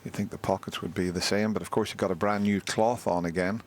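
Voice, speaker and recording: A man giving live snooker commentary in a hushed, understated way. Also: sits low, steady tone, quick pace. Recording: noisy live arena broadcast. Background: audience and clicking balls.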